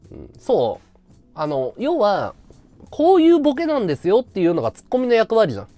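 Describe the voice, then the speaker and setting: A man's voice: high voice, wildly swooping pitch, brisk, dark tone, no echo, soft background music. A man hosting a casual livestream chat, talking freely and thanking viewers for gifts. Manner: chatty, reacts to viewer gifts. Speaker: livestream host.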